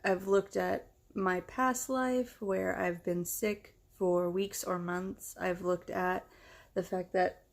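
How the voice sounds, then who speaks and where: A young woman from the US, a vlogger, talks about herself in a casual, candid, self-deprecating way. Her fairly low voice is steady and gravelly, and she speaks slowly.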